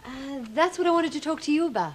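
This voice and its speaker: A woman's voice: high voice, animated, fast talker, slight background noise. An actress playing an earnest, hesitant young woman student on parole, in a television drama. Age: young adult. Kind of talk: television prison drama acting.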